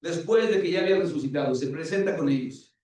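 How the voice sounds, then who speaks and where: A man preaching a sermon as pastor, retelling scripture with lively acted-out dialogue. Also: fairly high pitch, quick pace. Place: church. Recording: very echoey church hall, distant mic.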